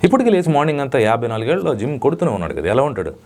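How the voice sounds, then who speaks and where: A man, a dubbing artist, giving emphatic, lecturing interview answers with sudden loud rises. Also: medium pitch, big pitch swings, very fast.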